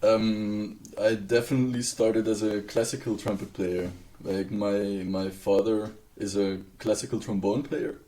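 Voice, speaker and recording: A young Belgian musician appearing as a guest in a casual interview talks in a relaxed manner, with hesitant fillers. His pitch is fairly low, and the audio quality is poor.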